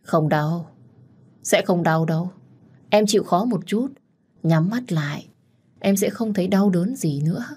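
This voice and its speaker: A woman voicing a crazed, jealous young man who holds a knife and threatens and taunts in a menacing, shouting way. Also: on the low side, measured pace, pauses often, husky. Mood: eerily coaxing.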